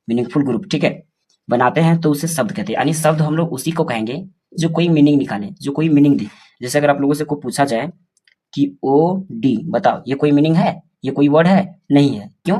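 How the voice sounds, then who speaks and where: A male teacher explains basic English grammar, asking the class questions and answering them himself, and slowly spelling out words letter by letter. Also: mid-range voice, darkish tone.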